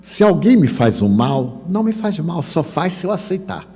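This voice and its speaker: A man's voice: a little high, normal speed, slightly rough. An older man with a Bahian Brazilian accent, giving a spiritist lecture full of humorous anecdotes and acting out dialogue. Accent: Bahian Brazilian Portuguese. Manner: animated storytelling, acts out dialogue. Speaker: spiritist speaker. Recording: long hall reverb.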